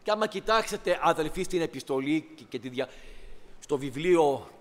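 A man's voice: fairly high pitch, animated, in a large hall. A man preaching a sermon to his brethren, retelling a story dramatically and rising to emphatic peaks.

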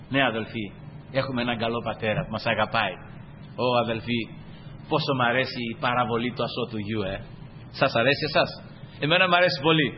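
A man's voice: mid-range voice, a little hiss or hum. A man preaching a sermon emphatically, again and again calling out to the brothers. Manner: emphatic, constantly addresses the brothers. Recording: dull echoey hall recording.

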